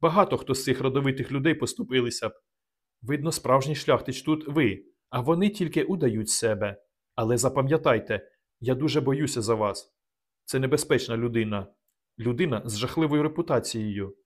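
A man reading an audiobook, voicing an anxious young noblewoman who speaks softly and pleads. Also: mid-range voice, brisk, slightly rough, lightly acted. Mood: worried. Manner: soft, pleading.

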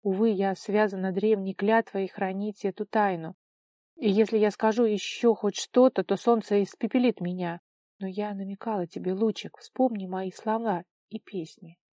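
A woman voicing a serious, gentle older aunt in an audiobook, speaking calmly and earnestly. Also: medium pitch, moderate pace, no echo, studio quality, close to an everyday voice. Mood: pained.

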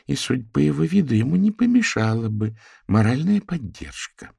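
A man's voice: mid-range voice, sing-song, moderate pace, vocal fry, a little mellow, breathy edge, dry recording, clean studio sound, pitched above the performer's own voice, exaggerated voice. A man voicing a kindly retired woman who speaks earnestly and second-guesses herself in an audiobook.

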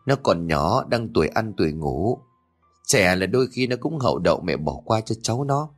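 A man's voice: on the low side, sing-song, normal speed, faint music behind. A man voicing a weary young mother who pleads and reasons, in an audio story. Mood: pleading.

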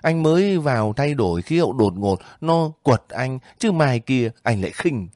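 A man's voice: mid-range voice, sing-song, moderate pace, darkish tone, no echo, studio quality, voice pushed up, lightly acted. A man voicing a caring young male soldier who coaxes his sick comrade in a homely way. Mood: brushing off. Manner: coaxing, homely.

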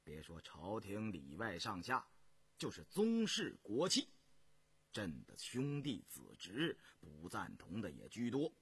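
A man's voice: on the low side, huge pitch swings, slow pace, husky, voice pushed down, exaggerated voice. Man doing a stern commanding emperor. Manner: firm and imperious.

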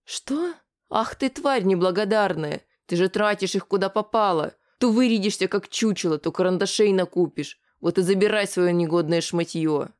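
The reader voicing a loud, furious middle-aged mother who shrieks coarse abuse in an audiobook. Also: moderate pace, lightly acted. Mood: screaming abuse. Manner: shrill shouting.

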